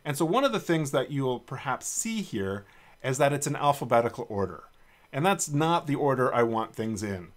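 A man's voice: medium pitch, moderate pace. A man giving a screencast coding tutorial, thinking aloud with frequent ums as he types code. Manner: relaxed, thinking aloud with many ums while typing code. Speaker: programming instructor.

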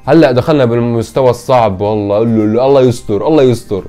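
Excitable young man. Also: rapid-fire, faint music behind. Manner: thinks aloud, spells out letters, pitch leaps when excited. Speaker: YouTube host. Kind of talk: casual puzzle-solving commentary.

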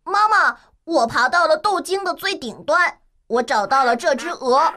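Woman doing a little boy, really high and bright, eager, bouncy. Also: animated, moderate pace. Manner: eager, wide-eyed childlike chatter. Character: curious, plucky little boy.

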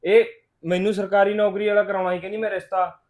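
A man's voice: high voice, level tone, darkish tone, lightly acted. A young man playing an exasperated husband who scolds and argues with his new wife. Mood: defensive. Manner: arguing, scolding, rapid. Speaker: actor in a short film.

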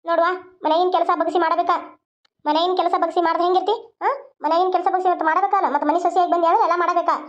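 A woman voicing a nagging, sharp-tongued older mother-in-law in a cartoon. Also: very high voice, level tone, rapid-fire. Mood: scolding. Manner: scolding, lecturing. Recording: dull lo-fi sound.

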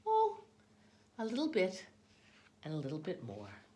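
An eager little village boy from a picture book bounces through his lines, high and excited. A woman reading aloud puts him on. His voice leaps around a great deal. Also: measured pace.

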